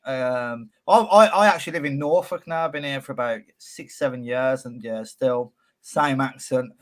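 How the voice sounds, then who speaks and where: This podcast host is a man from Birmingham, England, speaking with a medium pitch at a normal speed. He conducts a casual interview in blunt, laddish banter peppered with swearing.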